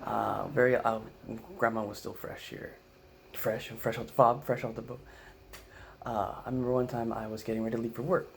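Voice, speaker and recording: A man's voice: mid-range voice, flat delivery, brisk, vocal fry, slight background noise. A man from the United States telling a comic family story, rambling with fillers and frequent "right?" asides. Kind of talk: comedic storytelling.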